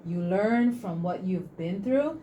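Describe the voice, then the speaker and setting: A woman's voice: fairly low pitch, animated, slow pace, warm tone, slight background noise. A woman from Aruba and Saint Martin with a Caribbean accent, speaking as an interview guest in an emphatic, motivational, promotional way. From Caribbean, born on Aruba, raised mostly on Saint Martin. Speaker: guest, entrepreneur presenting an invention. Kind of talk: interview talk with a promotional pitch.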